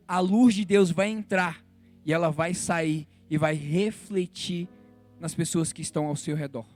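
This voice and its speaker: High-voiced Brazilian man preaching fervently. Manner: emotional, rises to fervent exhortation then drops low and intimate. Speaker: church worker preaching. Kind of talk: sermon. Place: church sanctuary.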